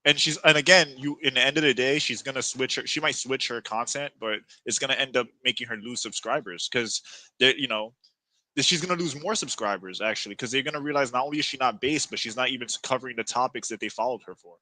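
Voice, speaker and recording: A man's voice: mid-range voice, sharp tone. A man co-hosting a podcast in casual chat, blunt and talkative, saying "bro" and "like" constantly. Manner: blunt, fast-talking, peppered with "bro" and "like". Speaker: podcast co-host.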